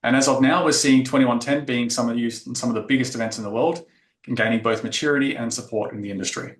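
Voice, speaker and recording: A man from Australia stands before an audience, walking them through an engineering talk at an even, mid-range pitch. His voice carries the echo of a large conference room, and he fills pauses with the odd "uh". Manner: explanatory, filler-heavy delivery. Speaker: tech talk presenter. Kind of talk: technical conference presentation.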